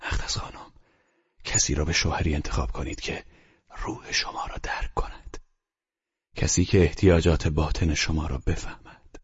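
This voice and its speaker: A man doing a calm older doctor in a storybook reading, speaking in a husky hush that keeps slipping into whispers. The voice sits very deep, and the recording sounds dull and lo-fi. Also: full character voice. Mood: hushed, tender. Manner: soft, hushed, often whispered.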